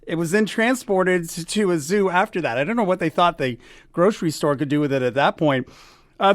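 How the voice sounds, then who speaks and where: A male morning radio host with a high, very lively voice that swings up and down as he reads quirky news items and adds wry remarks. The sound is dry and close, straight off a studio mic. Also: dry recording. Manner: chatty, wry asides. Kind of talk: reading news stories on air.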